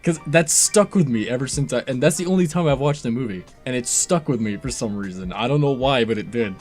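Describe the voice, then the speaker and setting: A man co-hosting a casual film review, talking loosely with quick jokey asides and plenty of swearing. His voice sits at an ordinary middle pitch. Faint music plays behind him. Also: a little mellow.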